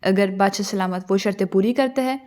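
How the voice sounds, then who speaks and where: A proud young fairy maiden from a storybook, quick to anger and sharp with her words, as a woman narrator puts her on. She speaks with indignant pride. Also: mid-range voice, natural voice.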